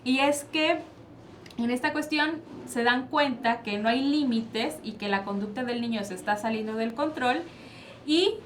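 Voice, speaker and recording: Her voice on the high side and unhurried, this child psychologist guest, who has a Mexican Spanish accent, lays out parenting styles in a panel discussion. Rhetorical questions she answers herself guide the explanation, and faint noise sits in the background.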